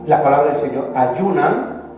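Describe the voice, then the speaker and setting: A man preaching a sermon as pastor, with emphatic rises and drawn-out stressed words. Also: on the high side, lively intonation, a little mellow, soft background music. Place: church sanctuary. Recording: echoey church hall, voice from a distance.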